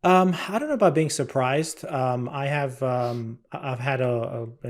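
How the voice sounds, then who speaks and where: A middle-aged man from Albania is a guest on a podcast. He speaks in a measured, hesitant way, filling pauses with "um". His pitch stays fairly flat at a middle level. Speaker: guest, company CEO. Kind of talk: conversational podcast interview.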